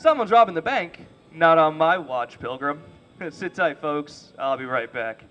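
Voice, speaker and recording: A man's voice: on the high side, expressive, unhurried. A man playing a chatty, joking theme park tour guide, giving scripted commentary. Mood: jokey. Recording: muffled PA with loud music.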